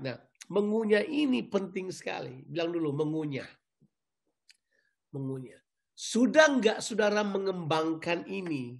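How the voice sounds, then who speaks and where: A male pastor preaching a sermon in a lively, joking way, repeating key words back to the congregation. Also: high voice, vocal fry.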